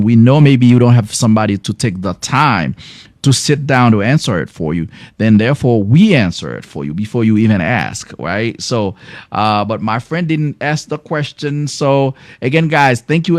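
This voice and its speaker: A man's voice: mid-range voice, normal speed, darkish tone, dry recording, studio quality. A man with a French accent hosting a live health education show from a clinic, closing out with effusive, repeated thanks to his viewers. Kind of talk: live-stream sign-off.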